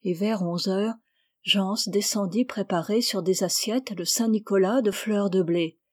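A woman narrating a storybook audiobook in a measured, gentle way. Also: medium pitch. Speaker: audiobook reader.

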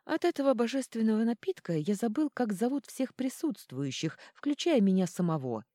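A woman's voice: a little high, very animated, moderate pace, warm tone, dry recording, clean studio sound, pitched above the performer's own voice. A woman voicing a polite young prince who is tipsy and trips over his words. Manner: formal, stumbling over words.

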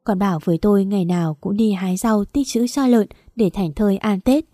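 Calm mellow woman narrating a story. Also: medium pitch, fairly quick, dry recording, studio quality. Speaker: audiobook narrator. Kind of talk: scripted first-person story narration.

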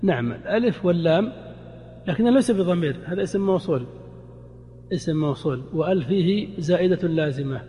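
A man's voice: a little high, animated, a little fast, mellow, slight background noise. A man teaching grammar to a class, quizzing students with short prompts and then explaining patiently. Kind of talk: interactive classroom lesson. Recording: long reverb in a hall.

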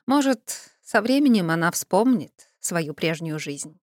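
A woman voicing a calm, wry male necromancer in an audiobook, speaking in a dry, even way. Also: on the low side, a little slow, dry recording.

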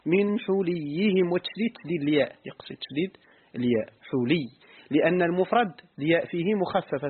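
Moroccan-accented male teacher, husky voice, patient and repetitive, quizzes his students, thin phone-quality sound. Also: fairly high pitch. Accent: Moroccan Arabic. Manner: explains slowly, repeats words, asks the class questions. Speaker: Islamic scholar teaching Quran exegesis. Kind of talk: classroom lesson on a text. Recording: phone-like lo-fi recording.

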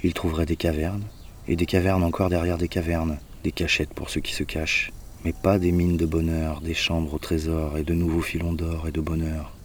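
A man's voice: extremely low pitch, little pitch movement, normal speed, recorded from a distance, slight background noise. A man doing a mournful old soothsayer. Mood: lamenting. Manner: lamenting, sad, insistent. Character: mournful old male soothsayer, prophet of doom.

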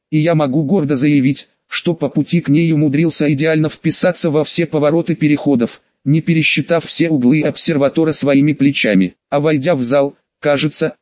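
A man's voice: on the high side, dry recording, lo-fi sound. A man narrating an audiobook in the first person, in a wry, colloquial tone with grumbling asides.

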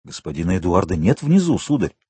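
A man voicing a calm, respectful male valet speaking politely. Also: sits low, fairly quick, breathy edge, no room sound, pitched below the performer's own voice, exaggerated voice. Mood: deferential.

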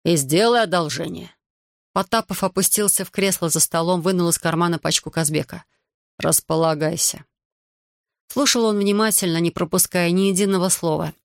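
A man reading an audiobook as narrator in an even, measured way. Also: high-pitched, clear, resonant tone, dry recording, clean studio sound. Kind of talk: scripted narration.

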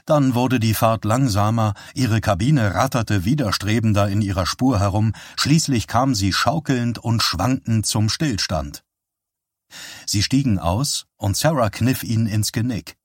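A man narrating an audiobook with even, measured storytelling. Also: on the low side, breathy edge, no room sound, studio quality. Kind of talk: scripted narration.

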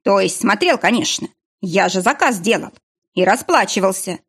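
A woman's voice: mid-range voice, expressive, moderate pace, a bit bright, breathy edge. A woman reading a blunt young boyfriend. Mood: defensive. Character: young man, boyfriend, tense and stern.

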